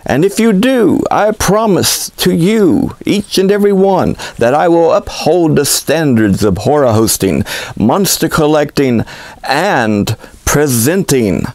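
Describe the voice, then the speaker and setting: A middle-aged man speaking as a horror host, with a campy, grandiose, drawn-out showman delivery. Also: fairly high pitch, sing-song, darkish tone, no echo. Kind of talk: theatrical horror-host monologue to camera. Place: small attic room full of horror decorations.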